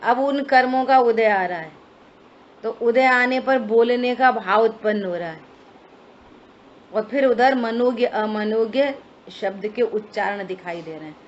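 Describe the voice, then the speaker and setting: A woman's voice: fairly high pitch, unhurried. Woman teaching scripture on a lo-fi recording. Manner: explanatory, asks listeners rhetorical questions. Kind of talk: religious study discourse. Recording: dull lo-fi recording with faint hiss.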